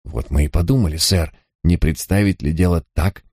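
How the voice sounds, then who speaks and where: A careful village priest with a low voice, as a male reader puts him on, talking in a measured, persuasive way in an audiobook. The voice is close and dry. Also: darkish tone, no room sound, close to an everyday voice. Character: cautious male village priest, middle-aged.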